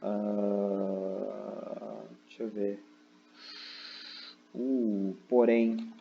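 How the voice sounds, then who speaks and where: In a lo-fi recording with a little hiss or hum, a male teacher explains a recorded online lesson while seated at his indoor computer. His voice is fairly low and gravelly, his delivery flat with drawn-out words, and he keeps checking in with "né?" and "ok?" as he goes step by step.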